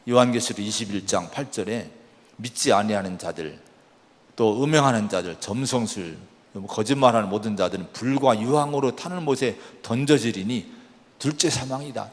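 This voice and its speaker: A man's voice: medium pitch, lively intonation, moderate pace, in a large hall. A man preaching a sermon in a church, telling a story with feeling and exhorting the congregation. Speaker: pastor. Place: church sanctuary.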